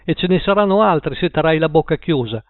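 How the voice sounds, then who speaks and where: A man's voice: fairly high pitch, lively intonation, quick pace, no room sound, natural voice. A man reading an audiobook and voicing a frantic, breathless woman who bribes and threatens a boy. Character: frantic large blonde woman bribing a boy. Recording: tinny phone-like line.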